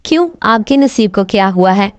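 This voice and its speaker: An earnest, lovesick young doctor, as a woman reads his lines. His voice stays mid-pitched and pleading, on a dull, muffled and completely dry recording. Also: expressive, moderate pace, clear, resonant tone, dry recording, natural voice.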